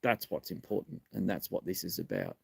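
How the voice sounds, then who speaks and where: A man's voice: sits low, sing-song, a little fast, creaky, husky, no room sound. An Australian man in his fifties with a missing front tooth, speaking live in blunt, emphatic, sweary short phrases. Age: 50s. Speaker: live-stream host and community advocate. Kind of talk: live political talk, answering viewer questions.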